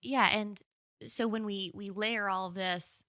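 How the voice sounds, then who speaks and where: A woman's voice: mid-range voice, fairly even intonation, unhurried, pushed and bright, no room sound. A woman co-hosting a podcast, explaining ideas in casual conversation and thinking aloud with small restarts. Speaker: podcast co-host.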